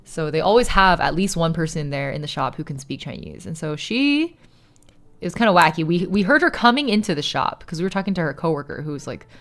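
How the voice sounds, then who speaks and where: A deep, sing-song, slightly bright voice, a little fast, comes from a woman who speaks Shanghainese. Crafting on stream, she chats casually and explains at length, with plenty of "like" and some casual swearing.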